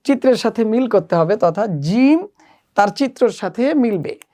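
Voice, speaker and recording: A woman teaching children the Arabic letters, slowly and patiently working through a workbook one exercise at a time. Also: fairly high pitch, expressive, warm tone. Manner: slow, patient step-by-step instruction. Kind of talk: workbook lesson walkthrough.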